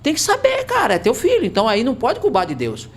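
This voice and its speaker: A man in his forties in a casual podcast conversation, telling stories in an animated, emphatic way. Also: very high-pitched, fast, slight background noise.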